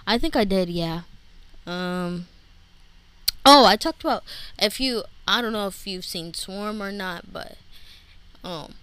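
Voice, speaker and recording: A woman's voice: medium pitch, takes it slowly, pauses often, fairly bright tone, clear, resonant tone, poor audio. A young woman hosting a solo podcast, breathless and rambling with lots of fillers and restarts. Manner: scattered, many fillers and restarts. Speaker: podcast host.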